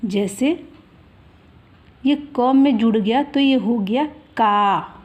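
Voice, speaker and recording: A woman's voice: on the high side, takes it slowly, dull audio. A woman teaching young children a language lesson, explaining patiently with many examples and drawing out vowel sounds to demonstrate them.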